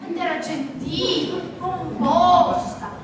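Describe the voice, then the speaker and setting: A woman's voice: very high-pitched, fairly even intonation, takes it slowly. A woman playing a gullible, stubborn, house-proud Sicilian mother in a dialect stage comedy, theatrical and indignant. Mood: wounded, lamenting. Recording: echoey hall, distant mic, audience noise.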